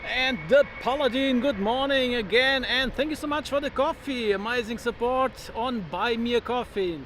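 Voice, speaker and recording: Real high voiced guy doing chatty livestream commentary, super effusive, bit of plane noise behind. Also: moderate pace, fairly bright tone. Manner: effusive, short exclamatory remarks. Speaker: livestream host.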